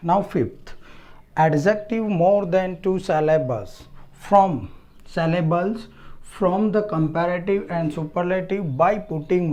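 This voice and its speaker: Very slow, deliberate teacher. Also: male voice, a little high, darkish tone. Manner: slow, deliberate, dictation-like, spells out and repeats word forms. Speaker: English teacher. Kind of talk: grammar lesson, switching between English and Hindi.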